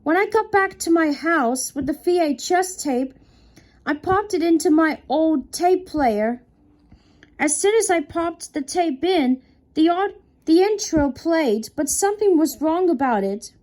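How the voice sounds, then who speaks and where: Slow, halting woman telling a creepy story. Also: very high voice, expressive, darkish tone. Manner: slow, halting, frequent restarts. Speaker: creepypasta narrator. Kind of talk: unscripted horror story reading.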